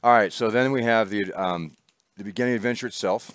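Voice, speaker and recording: Here a male host with a lowish voice talks fairly quickly on a casual chat show. The studio-quality audio from his small studio has no room sound, and he's chatty, rambling and often laughing.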